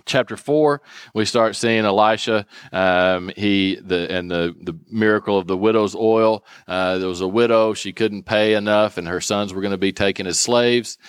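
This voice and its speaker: A man's voice: on the low side, normal speed, smooth, dry recording, clean studio sound. A man casually retelling Bible stories as a lesson, hesitant, with many ums and restarts. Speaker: Bible study teacher.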